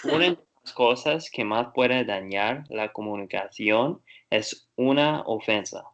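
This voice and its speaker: Slow, careful man reading Spanish as a learner. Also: mid-range voice, expressive, a bit bright, highs cut off. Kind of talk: reading aloud and asking questions in a lesson.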